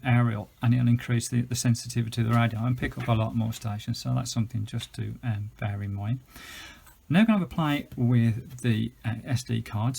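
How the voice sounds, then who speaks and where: Hosting a video, a British man who reviews gadgets demonstrates a product in a loose, unscripted, chatty way, hesitating now and then. His medium-pitched voice has vocal fry, a darkish tone and a breathy edge.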